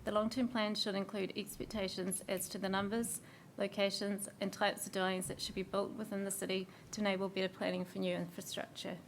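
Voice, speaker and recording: Hoarse New woman, gravelly and even-toned, presenting a formal council submission. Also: medium pitch, slight background noise. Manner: steady, measured reading with small slips and fillers. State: hoarse, losing her voice.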